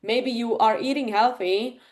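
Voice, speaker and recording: A woman's voice: on the high side, a little slow, a little mellow. Chatty woman coaching online. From Czech Republic. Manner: chatty, addresses the audience directly with many fillers. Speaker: fitness and nutrition coach. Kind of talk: live online masterclass talk.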